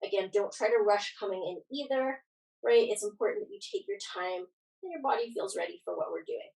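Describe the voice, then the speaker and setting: A woman with a fairly high voice leads a yoga class in a casual, conversational way. She gives encouraging, reassuring cues as an instructor, and she sounds a little way off from the microphone. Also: big pitch swings, brisk, creaky, a little mellow, far from the mic, rough recording.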